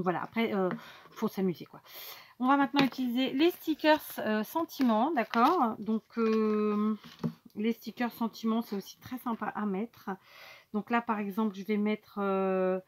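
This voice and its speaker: A woman hosting a casual craft tutorial, chatting and thinking aloud with many fillers as she works. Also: mid-range voice.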